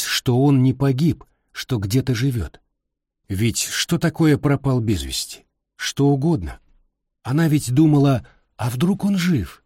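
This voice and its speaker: A middle-aged man reading his own memoir aloud, calm and reflective in a measured way. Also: medium pitch, husky, no echo, studio quality. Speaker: narrator.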